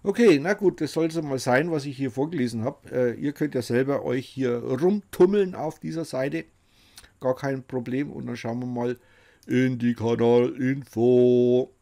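A man's voice: mid-range voice, moderate pace, creaky, darkish tone. A middle-aged man chatting casually and jokingly as host, talking to himself and to the viewer in reaction commentary. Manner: jokey, talks to himself and the viewer. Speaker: host presenting another creator's channel.

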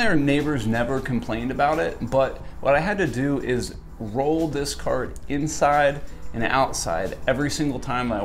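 Speaking in a mid-range voice into a wireless lapel mic, a woodworking channel host in his twenties shows viewers around his small garage workshop. The tour is casual and friendly, laced with dry humor.

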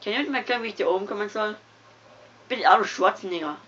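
A young woman giving casual, excitable commentary while playing a game, mumbling one moment and yelping the next. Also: mid-range voice, quick pace. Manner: excitable, giggly, swings from mumbling to loud yelps. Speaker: gamer. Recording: dull lo-fi home recording with faint noise.

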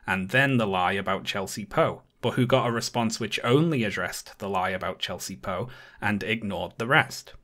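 A man with a fairly low voice talks through a scripted video essay. His tone is sarcastic and indignant, and he leans hard on key words as he makes his case. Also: fairly bright tone. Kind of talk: scripted commentary.

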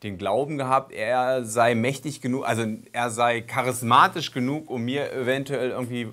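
A man, an investigative journalist, telling stories in a casual podcast chat with lively hesitations. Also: mid-range voice, normal speed.

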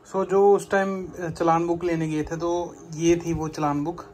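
A man's voice: a little high, fairly even intonation, measured pace. A man in his thirties casually vlogging his day at a small factory, chatting and explaining things as he goes. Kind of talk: casual vlog. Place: small tile factory and car.

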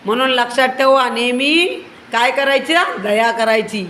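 A woman's voice: on the high side, measured pace, a bit bright, low-quality recording. A woman telling a children's moral story, often stopping to ask the listeners questions like a teacher.

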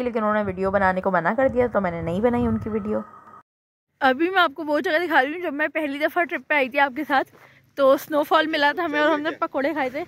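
A woman, chatting casually in a travel vlog as a mother out with her family, exclaiming at the views. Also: a little high. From Pakistan. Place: outdoors on a cold hill station street.

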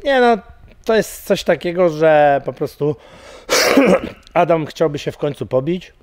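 A man's voice: on the high side, animated, unhurried, no room sound. A middle-aged man, an MMA coach, talking casually in an interview, rambling with many fillers and repeated words. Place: studio with banner backdrop.

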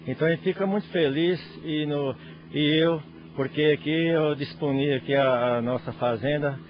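A man's voice: fairly high pitch, normal speed. A man, speaking colloquially and restarting phrases in an outdoor interview. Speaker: farm owner and riding club president. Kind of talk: informal interview. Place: outdoors beside a horse on a farm. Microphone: handheld reporter microphone. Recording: dull TV field audio.

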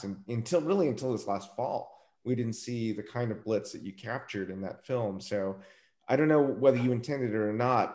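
A man's voice: medium pitch, darkish tone. A man hosting a video call meetup, thanking his guests in an appreciative, rambling way. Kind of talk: casual video call discussion. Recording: roomy video call audio.

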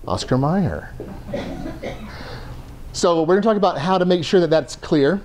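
A man's voice: sits high, unhurried, darkish tone, slight background noise. A man teaching a first aid class to a room, conversational and joking as he explains. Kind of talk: classroom lecture.

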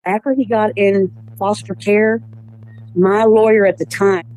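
A woman's voice: medium pitch, fairly even intonation, measured pace, a little mellow, low-quality recording. A middle-aged woman recounting a personal ordeal in an interview, emotional, with nervous laughs, acting out the people she quotes. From East Texas. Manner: emotional, laughs nervously, acts out quoted voices, voice climbs when indignant. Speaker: interviewee, accused mother.

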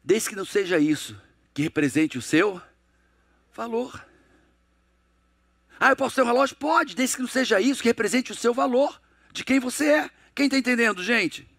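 A man's voice: expressive, normal speed, long pauses, no echo, studio quality. A middle-aged Brazilian man giving an emphatic motivational lecture, firing rhetorical questions at the audience. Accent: Brazilian Portuguese. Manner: acts out dialogues in a lowered, hushed voice. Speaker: coach and motivational speaker.

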